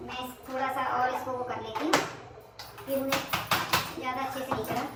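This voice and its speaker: A woman's voice: sits high, level tone, fairly quick. A woman in her thirties chatting casually while she cooks in her home kitchen, trailing off as she works. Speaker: home vlogger. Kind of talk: casual cooking chat to camera. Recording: echoey kitchen from far off, noisy.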